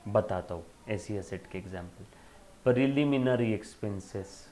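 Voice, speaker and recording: A man's voice: on the low side, normal speed, dark tone, a little hiss or hum. A male accountancy lecturer giving an emphatic classroom lecture, checking in with rhetorical questions and fondly addressing students as children.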